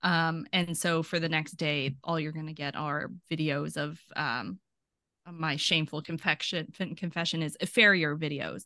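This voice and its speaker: Bright, crisp woman chatting on a video call. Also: sits low, moderate pace, no echo, clean studio sound. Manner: chatty and animated, laughs easily. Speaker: podcast guest, archaeology PhD student. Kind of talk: casual interview chat.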